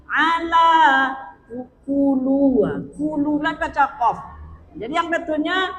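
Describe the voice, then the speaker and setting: A woman's voice: sits high, slow pace, a bit bright, echoey room, in a large hall, a little hiss or hum, poor audio. A woman teaching Quran recitation rules, chanting verses and patiently correcting common reading mistakes. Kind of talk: tajwid lesson with sung recitation.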